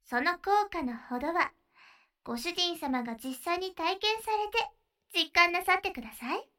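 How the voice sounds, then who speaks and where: A woman voicing a sweet, attentive young maid in an ASMR roleplay, speaking with polite honorifics and gently guiding her master. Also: very high-pitched, expressive, moderate pace, exaggerated voice. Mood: cheerful, welcoming. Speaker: maid café maid.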